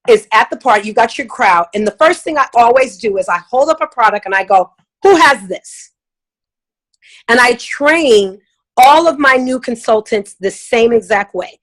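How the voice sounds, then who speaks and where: A woman's voice: fairly high pitch, poor audio. Chatty, emphatic woman sales trainer. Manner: chatty, emphatic, acts out customer voices. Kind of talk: casual instructional talk.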